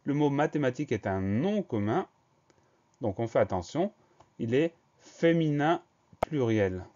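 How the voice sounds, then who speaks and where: A man teaching spelling in a patient, careful way, dwelling on each syllable and spelling it letter by letter. His voice sits at an ordinary middle pitch. The recording sounds slightly dull and lo-fi. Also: big pitch swings, measured pace, dark tone, slight background noise. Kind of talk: spelling dictation lesson.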